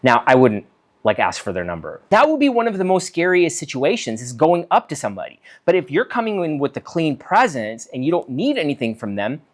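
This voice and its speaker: A man speaks with a lively, swinging pitch, his voice rising and falling freely. He is a physician giving a solo talk, reading from notes and acting out example lines. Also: brisk, hardly any pauses. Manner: animated, acts out quoted lines, reads from notes. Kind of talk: solo talk on conversation skills.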